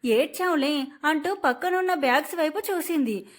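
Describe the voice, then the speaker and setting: A woman narrating a romantic family story in an emotive, expressive storytelling manner. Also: extremely high pitch, moderate pace.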